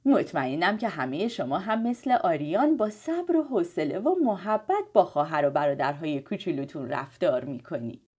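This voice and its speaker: A woman's voice: fairly low pitch, animated, darkish tone, husky. A woman narrating a bedtime story for children, affectionately addressing them directly.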